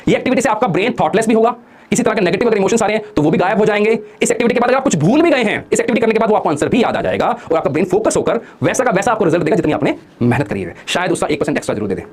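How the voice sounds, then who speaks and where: Racing along with big pitch swings in a high-pitched voice, a man motivates exam students to study. He throws out rhetorical questions and answers them himself, encouraging his audience to join in and comment.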